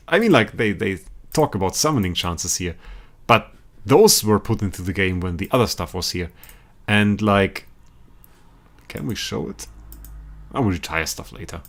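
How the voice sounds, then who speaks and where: A young German streamer with a lowish voice talks casually with viewers as he games. He rambles, says things more than once, laughs frequently, and bursts out in sudden excitement.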